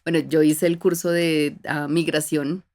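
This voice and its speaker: Una mujer colombiana de unos treinta años, con acento de Bogotá, que conversa como invitada en una entrevista y cuenta sus vivencias con pausas y muletillas. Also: female voice, low voice, level tone. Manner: reflective, warm storytelling with frequent fillers and restarts. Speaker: guest. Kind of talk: casual conversational interview.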